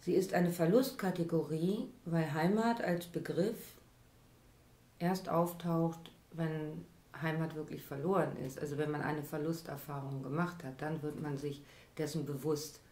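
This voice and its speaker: Woman, low voice, academic expert, measured commentary. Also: fairly even intonation, a little mellow, roomy sound.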